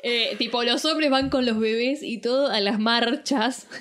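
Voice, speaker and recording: A young woman with a Rioplatense accent, telling a story in slangy, animated casual chat. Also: fairly high pitch, a little slow. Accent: Rioplatense Spanish.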